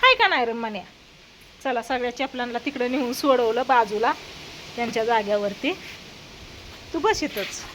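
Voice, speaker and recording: A woman's voice: on the high side, animated, normal speed, long pauses, fairly bright tone, low-quality recording. A woman chatting casually in a home vlog outdoors, coaxing her pets in a sing-song voice. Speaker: vlogger. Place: outdoors at a house doorway, windy and rainy. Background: faint wind and rain.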